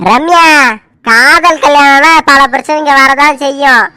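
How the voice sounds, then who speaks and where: A woman voicing a calm young man who brushes off his girlfriend's worries in a family drama. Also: high voice, a little slow, dry recording, voice pushed down. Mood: reassuring.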